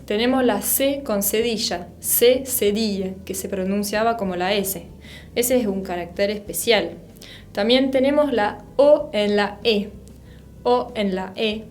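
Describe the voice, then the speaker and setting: Woman teacher, unhurried and methodical, middle pitch. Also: darkish tone. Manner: slow, patient, spells out each letter. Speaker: French teacher. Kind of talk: recorded language lesson.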